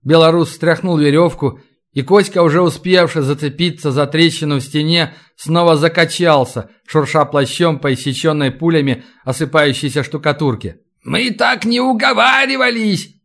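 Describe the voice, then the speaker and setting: A man narrates an adventure audiobook with a steady, even delivery. His voice sits fairly high. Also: normal speed.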